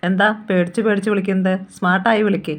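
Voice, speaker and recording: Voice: mid-range voice, flat delivery, quick pace, close to an everyday voice. A storyteller voicing a teasing, caring young woman friend in a novel reading, with playful, coaxing questions.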